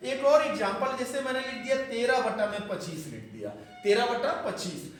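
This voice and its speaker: A man's voice: high-pitched, slight background noise. A man teaching a math class to students, asking questions and answering them himself. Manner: call-and-response questions to students. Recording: echoey room from far off.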